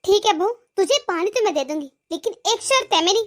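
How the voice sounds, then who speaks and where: A cruel, bossy mother-in-law in a cartoon, played by a woman barks sneering taunts. Her voice is loud, high and cutting, forever scolding. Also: expressive, brisk. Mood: threatening. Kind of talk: cartoon voice acting.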